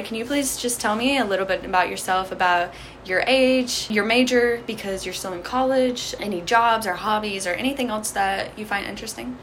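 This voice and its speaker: A woman hosts an interview in a middle-pitched, upbeat voice, encouraging her guest with frequent yeahs. A faint hiss sits behind her. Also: fairly bright tone. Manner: upbeat, encouraging, says yeah often. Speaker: interview host. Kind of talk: hosted interview.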